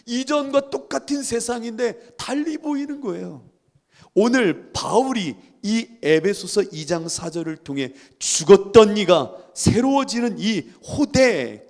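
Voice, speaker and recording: A man's voice: high-pitched, vocal fry, a little mellow. A middle-aged male pastor preaching a sermon with fervent, emotional storytelling.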